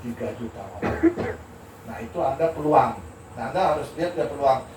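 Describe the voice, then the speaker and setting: Older male architect-lecturer, animated candid storyteller; roomy, noisy, distant recording. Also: medium pitch, brisk. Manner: animated, candid, laughs while telling stories. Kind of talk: informal talk with storytelling.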